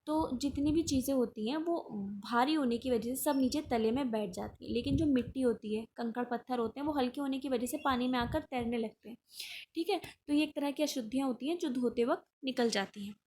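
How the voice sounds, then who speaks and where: A woman's voice: on the high side, a little mellow, a little hiss or hum. A woman teaching a science lesson, explaining textbook answers and often checking in with the listener.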